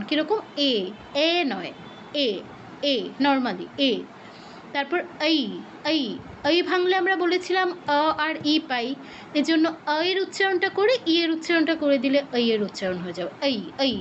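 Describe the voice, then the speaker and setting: A woman teaching pronunciation in an online class, demonstrating each sound slowly, syllable by syllable, over a video call. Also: high-pitched, a little hiss or hum. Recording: dull lo-fi video call audio.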